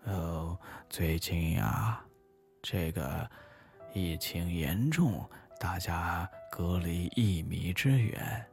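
A man voicing a fussy elderly mother goat in a comic bedtime story, soft and drawn out. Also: low voice, extremely slow, gravelly, soft background music, heavily acted. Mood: fussing.

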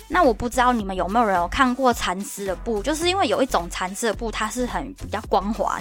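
A woman podcast host telling a workplace story in a casual, exasperated, ranting monologue. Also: mid-range voice.

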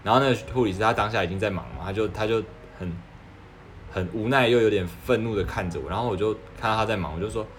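A man's voice: fairly low pitch, quick pace, a little hiss or hum. A man. He is a young doctor giving casual advice, earnest and persuasive, often asking rhetorical questions. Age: 20s.

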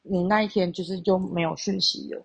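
Taiwanese mandarin lady podcaster, super husky breathy voice, dry close sound. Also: on the low side, steady tone, a little fast, dry recording, highs cut off. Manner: candid, blunt, swears freely. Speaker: podcast host. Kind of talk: casual storytelling chat.

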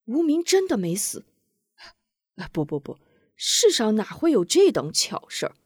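A woman voicing a kindly old grandmother who speaks gently, with soft sighing asides, in a storybook tale. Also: fairly high pitch, huge pitch swings, unhurried, husky, no echo, clean studio sound, pitched above the performer's own voice, full character voice. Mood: soothing.

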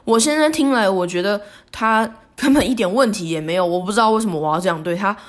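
A woman talks alone on her podcast. Her reflective monologue is halting and remorseful, and she often stops and restarts her sentences. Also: mid-range voice. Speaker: podcast host.

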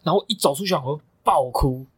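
Fast-talking, profane man. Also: a little high, husky, no room sound. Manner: swears freely, emphatic storytelling. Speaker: podcast co-host, coach. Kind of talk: casual podcast chat.

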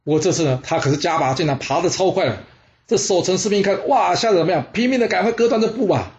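Lively male storyteller, full of exclamations. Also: high-pitched, fast talker, dull audio. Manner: exclamatory, dramatic, rhetorical questions.

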